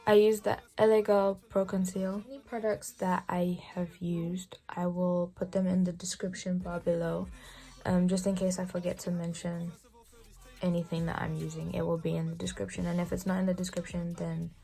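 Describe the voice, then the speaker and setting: A 21-year-old woman, chatting casually through a makeup tutorial in a relaxed, often half-whispered way. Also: lowish voice, normal speed, creaky. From England. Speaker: beauty vlogger.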